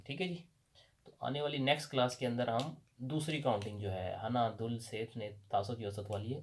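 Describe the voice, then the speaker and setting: A man's voice: mid-range voice, slight background noise. A man with a Pakistani Urdu accent teaching a language lesson at a board, patiently asking questions and answering them himself.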